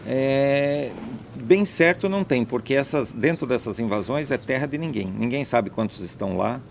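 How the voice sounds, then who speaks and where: A man interviewed as a landowner talks emphatically in a conversational interview, listing his points and repeating them one after another. His medium-pitched voice is expressive, with vocal fry and a normal speed. There is slight background noise.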